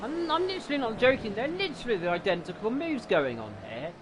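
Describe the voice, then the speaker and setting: A man doing live motorsport commentary in an excitable, exclaiming play-by-play manner. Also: extremely high pitch, fast talker. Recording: noisy, car engine sound behind.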